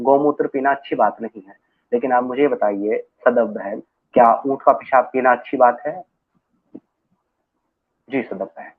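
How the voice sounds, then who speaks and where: A man hosting and moderating a live debate, calm and persistent as he repeats his questions. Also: medium pitch, breathy edge. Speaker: host and moderator. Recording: phone-like narrow audio.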